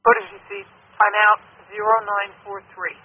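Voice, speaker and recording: A man's voice: sits high, big pitch swings, normal speed, vocal fry, slightly rough. A man making fire dispatch announcements over a radio. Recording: tinny radio channel, faint noise.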